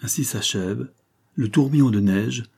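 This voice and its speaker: A man narrates a classic tale in a measured, calm audiobook reading. His voice is husky and dark, with a mid-range pitch.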